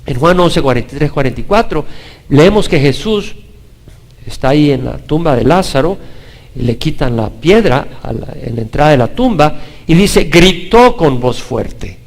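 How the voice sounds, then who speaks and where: A male pastor with a Latin American Spanish accent, teaching scripture in an emphatic sermon. His gravelly voice ranges widely in pitch, climbing into loud declarations and dropping into low asides. He often turns to the listener with direct questions. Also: expressive, normal speed. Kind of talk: Bible-study sermon.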